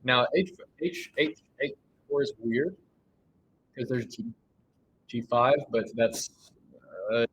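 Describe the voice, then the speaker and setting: A man doing live chess commentary in a casual, thinking-out-loud way. He often restarts his sentences and trails off mid-thought. His voice sits at an everyday middle pitch, with a faint hiss behind it. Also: slow, pauses often, rough recording. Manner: thinks aloud with frequent restarts and fillers.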